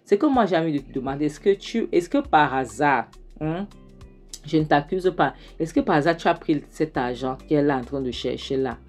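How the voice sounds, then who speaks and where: A woman giving a casual film recap with animated, shocked asides. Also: deep voice, normal speed, faint music behind.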